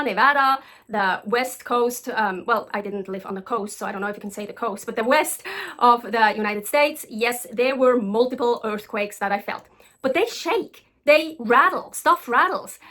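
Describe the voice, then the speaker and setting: Chatty Swiss woman vlogger, high voice. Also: normal speed, fairly bright tone. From Switzerland. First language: Swiss German. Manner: chatty, many ums and restarts. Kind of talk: casual storytelling to camera.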